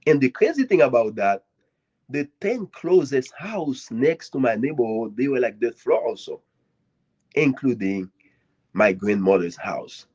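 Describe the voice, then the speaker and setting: A man from Haiti, a guest author giving an earnest, grateful speech at a live author event, with swinging emphasis and long dramatic pauses. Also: medium pitch, sing-song, darkish tone, husky. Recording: dull lo-fi audio.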